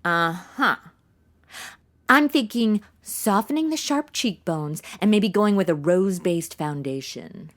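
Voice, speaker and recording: In a comedy audio drama, a woman with a lowish voice, lively intonation, and an unhurried pace plays a detective's sidekick: a slangy, blunt, sarcastic modern young woman. Her mood is wry and questioning.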